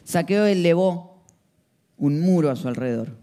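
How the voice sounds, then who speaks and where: A man's voice: fairly high pitch, expressive, moderate pace, dark tone. A man preaching a sermon, emphatic and full of rhetorical questions.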